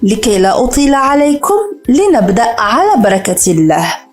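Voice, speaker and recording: A woman teaching a French lesson, speaking slowly and carefully and repeating each French word for the listener to copy. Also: on the high side, very animated, soft background music. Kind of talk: scripted language lesson.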